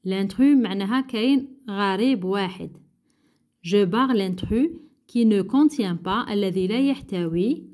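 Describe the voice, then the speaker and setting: A woman, a primary school teacher going through a workbook, who talks slowly and patiently, repeats each word and translates it into Arabic. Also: mid-range voice, a little mellow. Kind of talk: workbook lesson.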